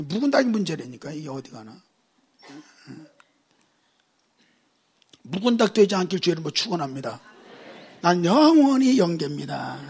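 A man's voice: fairly high pitch, breathy edge. A male pastor preaching a sermon, telling humorous stories and driving points home with emphatic repetition.

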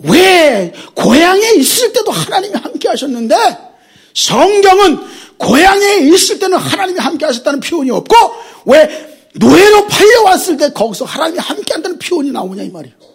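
A pastor preaching a sermon, repeating phrases and firing rhetorical questions, swinging from near-whispers to shouts. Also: high voice, very animated, brisk.

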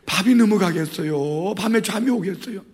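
A middle-aged man preaching a sermon as a pastor, telling stories with big swings between loud and soft. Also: sits high, normal speed.

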